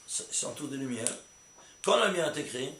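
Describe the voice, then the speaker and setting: A man teaching a kabbalah class as rabbi, asking his students questions and rising to excited exclamations. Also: mid-range voice, fast. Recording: echoey room, faint hum.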